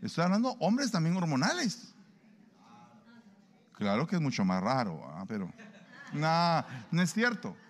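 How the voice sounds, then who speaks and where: A man preaching a sermon in an animated way, acting out everyday dialogues. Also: a little high, measured pace, pauses often. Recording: long hall reverb.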